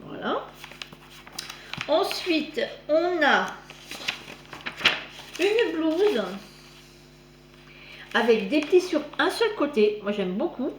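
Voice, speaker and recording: A woman's voice: high-pitched, sing-song, very slow, pauses often. A woman with a slight lisp on her s sounds, chatting casually as she hosts a magazine review vlog. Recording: roomy echo, clear background noise.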